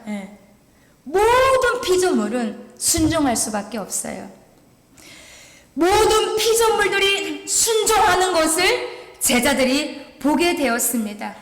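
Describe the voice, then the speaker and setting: A woman's voice: high voice, a bit bright. A woman evangelist preaching an emotional, pleading sermon in a church. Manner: emotional, pleading, earnest, with rising and falling intensity. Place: church sanctuary. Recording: echoey church hall with long reverb.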